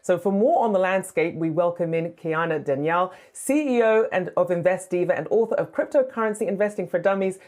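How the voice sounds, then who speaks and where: A woman news anchor who leads a financial news interview with a polished, brisk delivery. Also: lowish voice, darkish tone.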